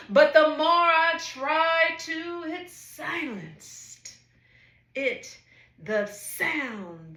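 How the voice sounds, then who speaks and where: A woman, a psychotherapist, performing a slow spoken-word monologue with soft, lilting exclamations. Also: high-pitched. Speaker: psychotherapist and wellness coach. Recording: echoey room.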